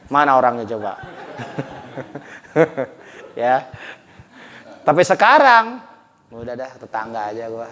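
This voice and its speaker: A man giving a lively, colloquial sermon as an Islamic preacher, often addressing his listeners directly. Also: mid-range voice. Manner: animated, colloquial, addressing listeners as Pak, with laughter. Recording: echoey hall recording.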